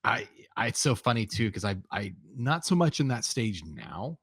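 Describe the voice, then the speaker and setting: A middle-aged man co-hosting a podcast, laid-back and quick to laugh in a casual chat. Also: fairly low pitch, big pitch swings, a bit bright, breathy edge, dry recording, studio quality. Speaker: podcast co-host.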